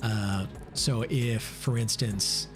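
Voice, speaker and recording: A man's voice: fairly low pitch, fairly even intonation, takes it slowly, music in the background. A man streaming live gameplay, chatting casually, thinking aloud and answering chat with lots of fillers. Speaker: game streamer.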